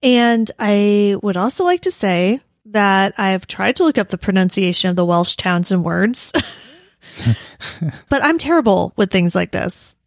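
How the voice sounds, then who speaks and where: An American woman hosts a true crime podcast in a conversational storytelling style. Her voice has a noticeable gravelly fry, and she is recorded close and dry. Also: mid-range voice, lively intonation, measured pace, no room sound. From United States. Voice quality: creaky vocal fry. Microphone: close podcast microphone in a dry room.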